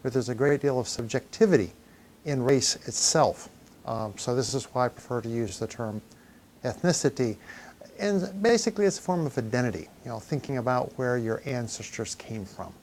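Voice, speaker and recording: A man's voice: mid-range voice, expressive, moderate pace, darkish tone. A man with a mid-range voice answers an interviewer in a thoughtful, conversational way, sometimes restarting a phrase. Faint background noise runs under the recording.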